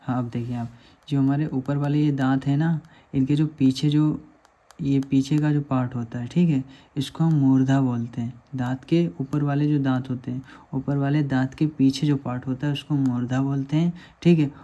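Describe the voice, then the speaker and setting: A man's voice: mid-range voice, fairly even intonation, normal speed, mellow. A man teaching a lesson over diagrams, patiently asking questions and answering them himself.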